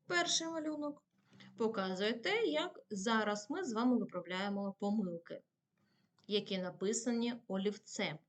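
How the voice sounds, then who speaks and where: A woman's voice: mid-range voice, lively intonation, normal speed, slight background noise. A woman teacher giving a patient video lesson to primary pupils, asking questions and answering them herself.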